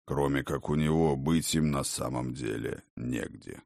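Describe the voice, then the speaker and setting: A man reading an audiobook, voicing an ancient, stern father-god who speaks with command and bursts into booming declarations. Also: a little slow, gravelly, a little mellow, dry recording, clean studio sound, exaggerated voice. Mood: fierce.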